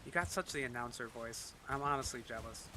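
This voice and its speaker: A man's voice: mid-range voice, brisk, bright, forceful tone. A man hosting a stream, talking loosely with lots of fillers and frequent laughter. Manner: laughs often, loose and chatty with many fillers. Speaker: stream host. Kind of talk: casual chat.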